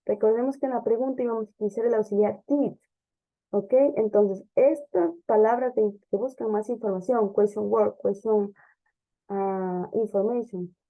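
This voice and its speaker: A woman teacher explaining English grammar step by step, often checking understanding with a quick "ok?" or "¿sí?". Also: mid-range voice, soft background music. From Ecuador. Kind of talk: classroom grammar lesson. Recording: dull lo-fi lesson recording.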